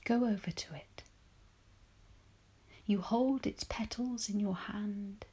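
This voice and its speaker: Female meditation guide: hushed, airy spa whisper, leisurely and soothing, leaving long pauses between gentle instructions. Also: medium pitch. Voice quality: breathy, whispery.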